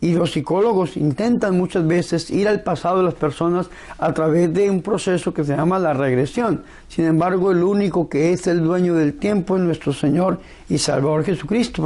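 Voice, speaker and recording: Higher-voiced male priest preaching. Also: warm tone. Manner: solemn, pastoral, deliberate phrasing. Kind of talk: devotional sermon and prayer.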